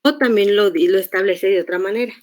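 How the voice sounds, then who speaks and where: A woman teacher giving a lecture, explaining step by step and checking in with her students. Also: mid-range voice. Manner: slow, patient explaining with check-in questions. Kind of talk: online class lecture on electric circuits.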